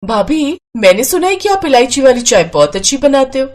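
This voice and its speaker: A sweet-seeming but sly young twin sister in a cartoon story, as a woman puts her on. Her voice runs a little high, soft and teasing. She is gentle on the surface with a crafty streak. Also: very animated, brisk, a little hiss or hum.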